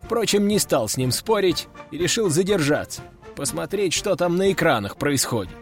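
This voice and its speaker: A man's voice: a little high, sing-song, normal speed, soft background music. A man narrating a first-person audiobook in a wry, ironic tone.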